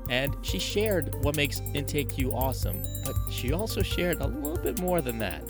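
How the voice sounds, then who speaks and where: A podcast host reads sponsor spots and makes announcements in an upbeat, chatty promo style. His voice is a little high and very animated at a moderate pace. There's big-room sound with music playing in the background.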